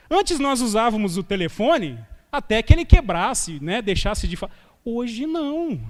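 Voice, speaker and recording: A man preaches as a guest pastor in a church sanctuary, his voice sitting high. He keeps the sermon conversational, moving between anecdotes and rhetorical questions. The sound carries a long church reverb, as on a live stream. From Brazil.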